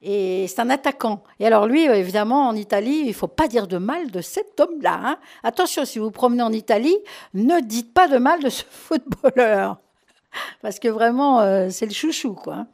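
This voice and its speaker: A woman's voice: on the high side, animated, normal speed, darkish tone. A woman talking casually on a radio show about a film, chatty with many fillers and laughs.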